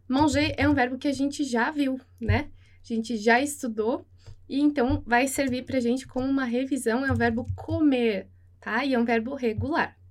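Woman, Brazilian Portuguese accent, slightly high voice, language teacher, repeats and translates each phrase. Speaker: French teacher. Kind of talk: slow, patient language lesson with repetition.

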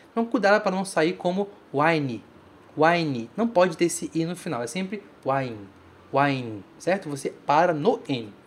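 Brazilian-accented language teacher, mid pitch, patient, repeats words for the learner in a recorded lesson. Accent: Brazilian Portuguese. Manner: patient, repeats example words slowly to model pronunciation.

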